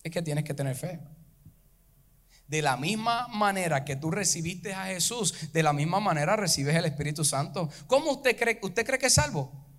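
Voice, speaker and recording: A man's voice: sits high, expressive, moderate pace, a bit bright. A male pastor preaching a fervent sermon to his congregation, rising into chanted preaching at the peaks. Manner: addresses the congregation directly.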